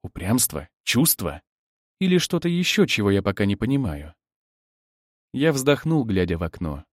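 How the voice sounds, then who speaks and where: A man narrating a story in first person, telling it expressively and lively. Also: lowish voice, normal speed, no echo, studio quality. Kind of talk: audiobook narration.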